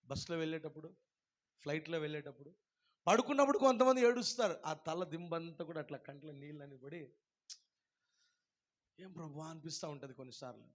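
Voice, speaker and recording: High-voiced man preaching with fervor. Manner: swings between loud proclaiming and soft, hushed comforting asides; breaks into slow sung hymn lines. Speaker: pastor. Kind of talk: sermon.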